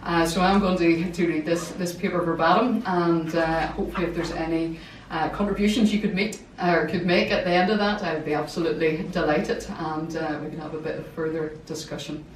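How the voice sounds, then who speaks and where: A woman's voice: low-pitched, fairly even intonation, a little fast, few pauses. A woman from Northern Ireland with an Ulster Scots accent, giving an academic seminar talk as a research fellow. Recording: roomy, distant mic, faint noise.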